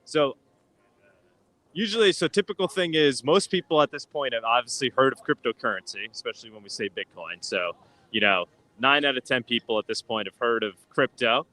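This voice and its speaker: A podcast host with a bright, mid-range, expressive voice chats casually on a livestream from a street by a coffee stand. He talks briskly and loosely, rambling with lots of fillers and restarts, and the recording quality is low.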